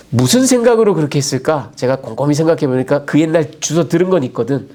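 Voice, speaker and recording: A man's voice: mid-range voice, darkish tone. A male pastor preaching a sermon in a conversational way, often checking in with his listeners through rhetorical asides.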